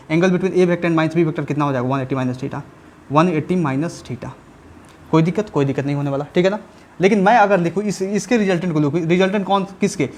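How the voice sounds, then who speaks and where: A man teaching a physics lesson in a chatty, colloquial way, often pausing to ask whether the students follow. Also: fairly high pitch. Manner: repeats checks for understanding, chatty and colloquial. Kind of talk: classroom lecture at a whiteboard.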